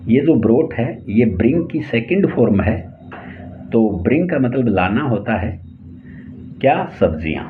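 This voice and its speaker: Slow-talking Indian man teaching grammar. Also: mid-range voice, big pitch swings. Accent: Indian English. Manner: slow, spelling out example sentences word by word. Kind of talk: explaining English tenses in Hindi. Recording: tinny phone-like lo-fi audio, faint hiss.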